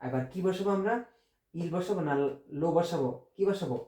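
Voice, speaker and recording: Bengali-speaking male tutor, fairly high and mellow voice, drills words slowly, asks himself questions. Recorded in an echoey room. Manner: explains step by step with many rhetorical questions. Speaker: Italian language teacher. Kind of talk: informal online language lesson.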